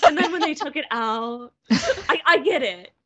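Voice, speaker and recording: A woman guest on a fan podcast, chatting casually and quick to agree and joke. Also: sits high, big pitch swings, a little hiss or hum. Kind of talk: casual chat.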